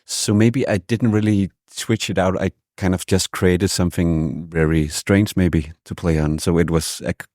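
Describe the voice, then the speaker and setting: Man from Denmark, very low pitch, hesitant, restarting often, dry sound. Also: steady tone, normal speed, hardly any pauses, darkish tone, no room sound. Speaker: guest musician. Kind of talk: casual interview answers.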